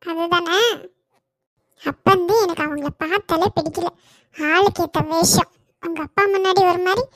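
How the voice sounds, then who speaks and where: A woman's voice: very high-pitched, a bit bright, no echo. A woman voicing Kani, a caring, outspoken young woman friend in a cartoon, with a Kanyakumari Tamil accent and a fussing, protective manner.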